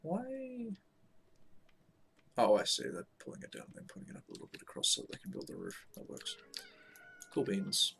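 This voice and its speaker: A man's voice: low voice, huge pitch swings, quick pace, gravelly, fairly bright tone, a little hiss or hum. A tired man talking casually through a strategy game he is playing, thinking aloud and yawning now and then. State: sleepy, yawning. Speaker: let's play host. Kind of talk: casual gameplay commentary.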